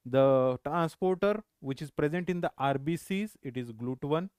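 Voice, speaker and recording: Man, lecturer, Hindi-mix, slightly high voice, slow unhurried delivery, repeats key points. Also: darkish tone, clear, resonant tone, dry recording, studio quality. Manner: asks and answers his own questions. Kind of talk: recorded medical lecture.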